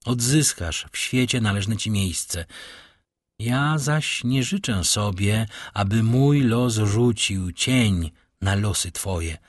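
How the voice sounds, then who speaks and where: A man voicing a brooding middle-aged nobleman in a read-aloud novel, slow and solemn. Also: fairly low pitch, expressive, no room sound, clean studio sound. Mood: tender.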